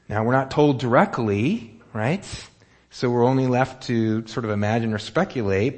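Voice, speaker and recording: A pastor with a mid-range, darkish voice delivers a sermon in a casual, conversational manner, putting questions to his listeners as he goes.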